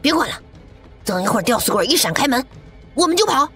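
A man voicing a bold young village boy in a horror audiobook, in a squeaky falsetto with an urgent, quick delivery. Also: very animated, sharp tone, slightly rough, soft background music, exaggerated voice.

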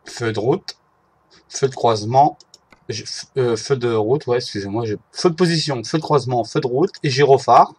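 Guy chatting over his truck sim gameplay, halting, keeps restarting, middle pitch. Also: darkish tone, husky. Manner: hesitant, halting, often restarts and apologizes; talks to viewers while driving in a game. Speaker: gameplay video maker. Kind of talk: casual gameplay commentary.

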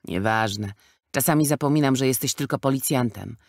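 A man's voice: mid-range voice, moderate pace, gravelly, no echo, studio quality, natural voice. A man voicing a fat, sly, scornful middle-aged gangster in a storybook reading, sneering and threatening.

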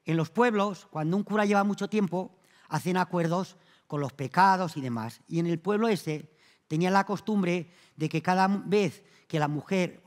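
A man from Spain performs a comic monologue on a theatre stage, acting out each character in his jokes with a raised, louder voice. His speaking voice sits high for a man. The sound carries the long reverb of a large hall. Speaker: stand-up comedian. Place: theatre stage before an audience.

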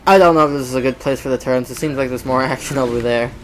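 A man giving casual let's-play commentary on a shooter game, excitable and self-mocking, talking to the game and repeating words in bursts. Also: mid-range voice, very fast, a little hiss or hum, poor audio. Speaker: gamer playing a shooter game.

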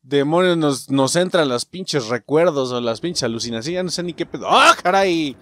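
A man's voice: fairly high pitch, moderate pace, no room sound, studio quality. A young man with a Mexican accent giving let's play commentary, yelping and swearing at every scare. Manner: excitable, yelps and swears at scares. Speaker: gameplay streamer.

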